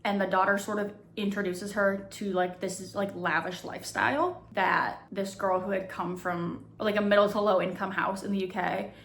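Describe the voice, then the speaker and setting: A woman's voice: medium pitch, level tone, moderate pace, hardly any pauses, fairly bright tone. A woman giving a casual, chatty book review in a conversational, informal way with slang and emphatic rephrasing. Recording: roomy echo, clear background noise.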